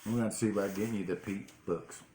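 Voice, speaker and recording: A man's voice: fairly low pitch, fairly even intonation, fast talker, dark tone. An older man with a grandpa voice, playfully reading a picture book aloud and chatting as a grandfather does with a young child. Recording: roomy home recording, some noise.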